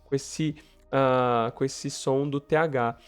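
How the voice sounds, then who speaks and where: Slow-talking male English teacher. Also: medium pitch, fairly even intonation, smooth, faint music behind. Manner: slow, reads English lines aloud then translates; frequent tag questions to the viewer. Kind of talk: explaining a story for learners.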